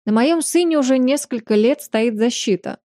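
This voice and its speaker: A woman's voice: high voice, normal speed, mellow, no echo, studio quality, pitched above the performer's own voice, close to an everyday voice. A woman voicing a composed, dignified middle-aged duke who speaks evenly and respectfully in an audiobook. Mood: calm.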